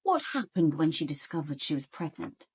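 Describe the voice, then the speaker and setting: In a radio drama with first-person narration, an actress plays a sharp-minded, ambitious British police detective questioning suspects. Her low, slightly rough, sing-song voice is heavily acted, and her delivery is controlled, deliberate, pointed, and probing.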